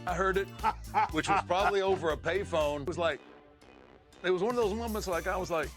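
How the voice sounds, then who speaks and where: A man and wrestler guest recounting a story in an interview, soft-spoken and acting out quotes. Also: high voice, brisk, soft background music.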